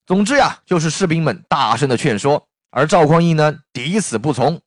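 Male storyteller, dramatic folksy delivery, animated pitch, dry close recording. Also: no echo. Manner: lively, dramatic, with drawn-out folksy particles.

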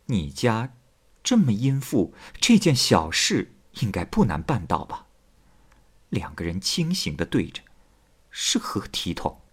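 Guy putting on a soft breathy young wife's voice, barely above a whisper, husky and low, storybook telling. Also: wildly swooping pitch, measured pace, exaggerated voice. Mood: mocking. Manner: hushed, breathy near-whisper. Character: young wife, grieving then cold and scheming.

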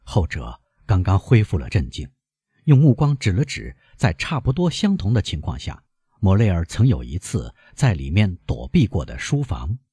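A man narrating a novel in an expressive, dramatic reading. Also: low voice, moderate pace, breathy edge, no room sound, studio quality. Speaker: audiobook narrator.

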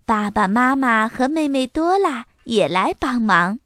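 A woman reading a children's story aloud in an expressive storytelling manner. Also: a little high, a little slow, no room sound, clean studio sound.

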